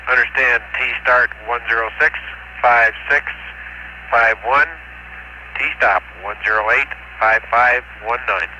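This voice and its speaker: Piercingly bright male astronaut on radio. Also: mid-range voice, steady tone, measured pace, highs cut off. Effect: space radio transmission. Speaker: astronaut, spacecraft pilot. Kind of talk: radio readback to mission control. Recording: noisy archival space radio link.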